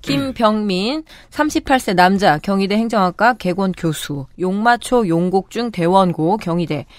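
A woman co-host briefly presenting candidate profiles in a brisk, matter-of-fact way. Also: medium pitch, expressive, slight background noise. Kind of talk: briefing-style chat.

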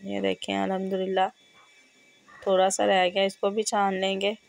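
The kitchen tutorial is led by a woman whose voice is hoarse and fevered, mid-range, and at a normal speed. She works as a cooking channel host and takes viewers through the home recipe in steady, step-by-step fashion.

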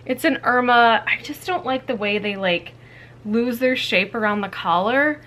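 Fairly high-pitched and fairly bright, a young woman speaks at a measured pace over a little hiss or hum. In a small walk-in closet she films a casual clean-out vlog for a tripod camera a few feet away, chatty and candid, sprinkling in "like" and "you know."

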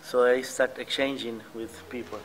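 A man's voice: medium pitch, flat delivery, normal speed, slight background noise. A man in his late teens, a student vlogger, chatting casually outdoors beside a building and rambling with lots of fillers and small laughs. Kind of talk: casual vlog chat.

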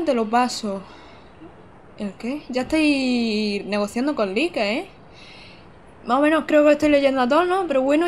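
A woman's voice: fairly high pitch, slight background noise. A woman, streaming a video game live, chatting casually, laughing often and reading chat aloud.

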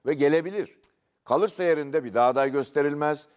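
A man's voice: on the high side, fast, darkish tone. A man on a heated TV panel who keeps cutting in and then lays out his reasoning. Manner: eager to cut in, explains his point at length. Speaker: journalist panelist.

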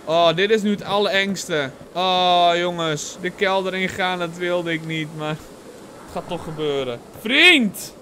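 A man giving excitable horror game commentary, jumpy and quick to yelp and shout when startled, laughing often as he plays. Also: high voice, a little hiss or hum. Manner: laughs often while talking. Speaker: let's play gamer.

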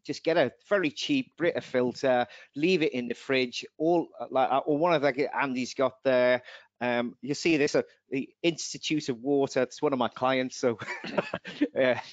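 A nutrition presenter gives rambling, chatty webinar answers, laughing at his own jokes while his voice slightly goes. He has a medium pitch and moderate pace. The video-call audio is dull and dry.

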